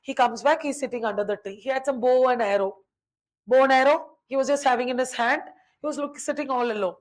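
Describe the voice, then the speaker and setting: Animated high-voiced woman teacher. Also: brisk, poor audio. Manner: animated storytelling, acting out dialogue. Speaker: history teacher. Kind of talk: storytelling lecture.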